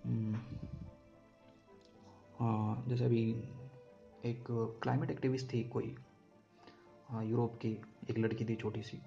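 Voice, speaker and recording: Gravelly flat-voiced man teaching vocabulary. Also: mid-range voice, measured pace, long pauses, dull audio, soft background music. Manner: explanatory, repeats words, checks understanding. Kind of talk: exam vocabulary lesson.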